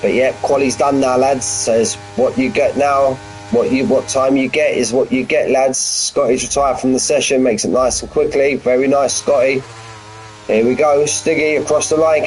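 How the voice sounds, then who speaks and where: A man's voice: mid-range voice, darkish tone, a little hiss or hum, rough recording. A man giving informal, matey live commentary on an online racing league, chatting to the drivers like mates. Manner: matey, addresses drivers as mate, lad and bud.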